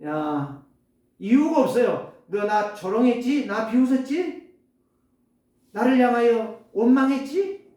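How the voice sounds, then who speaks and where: A man's voice: extremely high pitch, animated, slow pace, pauses often, dark tone, voice pushed up, exaggerated voice. A man voicing a stern male judge who bluntly scolds mockers and condemns them, asking pointed rhetorical questions. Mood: scolding. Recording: echoey church hall, distant mic.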